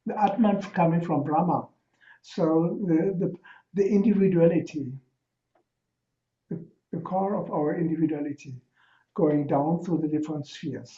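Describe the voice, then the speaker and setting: A man who paints explains the spiritual symbolism of his work slowly and deliberately, searching for words over a video call. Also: fairly high pitch, dark tone. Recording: roomy, muffled video call audio.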